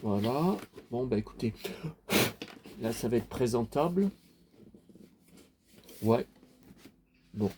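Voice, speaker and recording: A man's voice: mid-range voice, lively intonation, slow pace, pauses often, background noise. A man casually presenting his toy collection to viewers, chatty and rambling, talking straight to the audience. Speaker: collector showing his toys.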